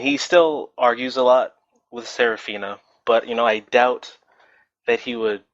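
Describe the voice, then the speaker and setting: A man's voice: mid-range voice, no room sound. A man in his twenties, a podcast guest, chatting casually and rambling with plenty of fillers. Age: 20s. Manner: relaxed, rambling, frequent fillers. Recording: dry, dull lo-fi voice chat audio.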